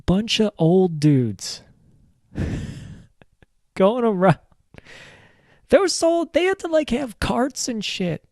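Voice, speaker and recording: Man, podcast host, rambling and joking, slow unhurried delivery, somewhat high voice, dry close sound. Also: big pitch swings, a little mellow, no room sound. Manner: rambling, joking, swears casually. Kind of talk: casual solo rant.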